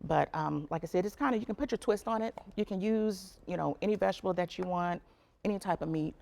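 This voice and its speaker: A woman speaking as a restaurant manager in a casual cooking interview, haltingly and repeating herself. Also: lowish voice, vocal fry, a little mellow.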